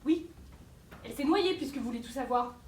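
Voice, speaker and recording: An actress playing a self-righteous, merciless religious spinster in a stage play, declaiming hammily. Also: female voice, high-pitched, expressive, fairly quick, a little mellow. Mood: cold, sanctimonious. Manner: hammy, declamatory stage delivery. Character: pious, self-righteous, merciless spinster preaching sin and punishment. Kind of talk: theatrical stage play acting. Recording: echoey hall from far off, faint noise.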